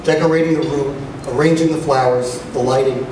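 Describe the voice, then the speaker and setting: A middle-aged man giving a father of the bride speech at a wedding reception, speaking deliberately with pauses and dry humor. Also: mid-range voice, fairly even intonation, darkish tone. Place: large room at a wedding reception. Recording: echoey reception hall, distant mic, noisy crowd. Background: guests and crowd noise.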